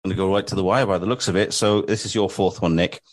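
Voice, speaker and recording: Low-voiced man running a quiz. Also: steady tone, fast talker. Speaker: podcast co-host running a quiz. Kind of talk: casual chat.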